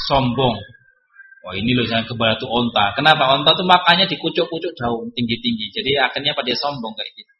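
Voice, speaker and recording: A man, preaching a study sermon with joking asides and sudden jumps in pitch for emphasis. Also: sharp tone. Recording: roomy, dull lo-fi recording.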